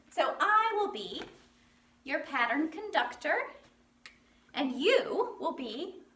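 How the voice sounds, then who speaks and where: A woman teaching a children's lesson, playful and animated, acting out animal sounds. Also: high voice. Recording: roomy, from a distance.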